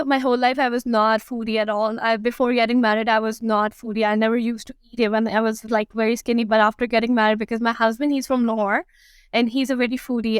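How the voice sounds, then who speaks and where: A Pakistani-accented woman in her thirties from Karachi, Pakistan, chats casually as an interview guest; she is a food and lifestyle blogger. She speaks haltingly and repeats phrases for emphasis. Her voice is a little high with a clean tone and no room sound.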